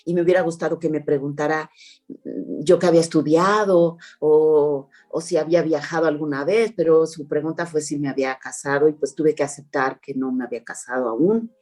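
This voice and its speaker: A woman, a guest on an interview show, telling a family story in an expressive, measured way. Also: sits low. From Mexico. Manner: expressive, measured, acts out the dialogue. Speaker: actress and oral storyteller, guest.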